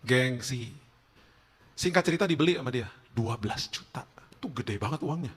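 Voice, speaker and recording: A man, a pastor preaching in a lively, joking storytelling way full of casual slang. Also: mid-range voice, fast, breathy edge. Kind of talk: humorous storytelling sermon.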